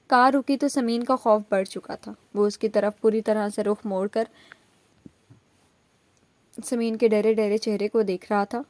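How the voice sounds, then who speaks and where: A woman reading a romance novel aloud as an audiobook narrator, in a steady storytelling manner. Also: mid-range voice, pauses often, no room sound.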